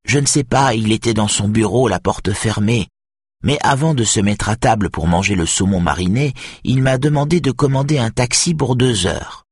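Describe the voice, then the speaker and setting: A man's voice: medium pitch, normal speed, breathy edge, no room sound, clean studio sound, voice pushed up, lightly acted. A man voicing a surly old housekeeper woman who answers in short, clipped replies. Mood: sullen.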